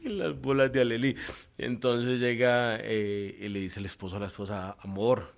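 A man's voice: mid-range voice, normal speed, vocal fry. Give me a man comedian telling a rambling joke on air. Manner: rambling joke teller, bursts of loud excitement.

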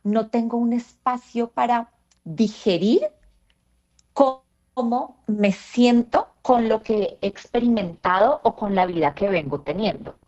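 A woman's voice: on the high side, slow pace, darkish tone. A woman explaining ideas in a podcast conversation, reflective and full of rhetorical questions. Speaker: guest speaker. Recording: dull lo-fi sound.

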